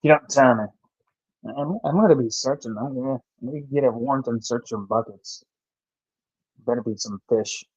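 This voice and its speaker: A man's voice: medium pitch, normal speed, slightly rough, no echo. Young man streamer, rambling chat. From American South. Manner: rambling, many restarts, reads chat aloud. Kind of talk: casual live-stream chat. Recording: dull dry home mic.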